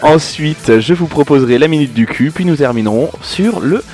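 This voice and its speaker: A man hosts a relaxed podcast among friends. He jokes, giggles and fills gaps with "euh", and his pitch swings widely as he goes. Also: normal speed, soft background music. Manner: playful, giggly, lots of filler. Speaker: podcast host. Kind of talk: casual chat.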